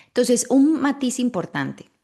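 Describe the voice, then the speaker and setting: A woman's voice: on the high side, big pitch swings, a little slow, warm tone. A woman hosting a parenting podcast, explaining things in a conversational way with frequent hesitations. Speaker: podcast host and multilingual parenting consultant. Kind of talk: solo podcast monologue giving advice.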